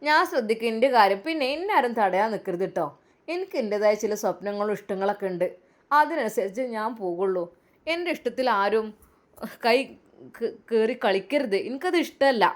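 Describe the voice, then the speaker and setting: A woman's voice: on the high side, lively intonation, a little fast, natural voice. A woman playing defiant young Zeenath. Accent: Malappuram Malayalam. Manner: defiant, insistent.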